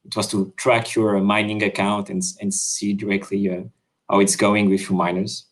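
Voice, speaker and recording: A Swiss-born man talks over a video call, explaining his app work with frequent pauses and "uh"s. His voice sits a little low. He sounds casual and unscripted, restarting sentences as he goes. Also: level tone. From Switzerland. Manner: hesitant, many fillers and restarts. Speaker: crypto developer.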